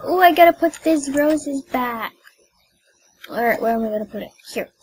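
Her voice sits high, expressive and a little mellow, as this young woman plays a video game and bossily instructs and teases her mother, scolding her readily. The relaxed gameplay chat is captured on a low-quality recording with faint background noise.

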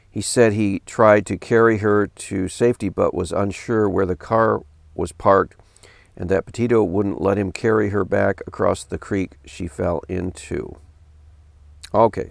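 A middle-aged pastor with a fairly low, gravelly voice reads a news story and breaks off to ask pointed questions. The sound is dry and close, with no room around him. He talks at his desk into a webcam. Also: no room sound. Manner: earnest, questioning, reads quotes in a lower flat tone. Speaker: pastor commentator. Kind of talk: reading news aloud and commenting. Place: home office with bookshelf.

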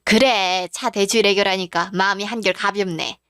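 A woman's voice: medium pitch, fairly even intonation, normal speed, fairly bright tone, clear, resonant tone, dry recording, clean studio sound, natural voice. A woman doing a chatty, fretting mother-in-law.

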